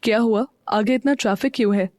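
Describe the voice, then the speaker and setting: A woman voicing a cold, emotionless young man in an audio story, speaking slowly and flatly in clipped phrases. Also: fairly high pitch, no room sound, studio quality, close to an everyday voice. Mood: curt. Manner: slow, flat, clipped.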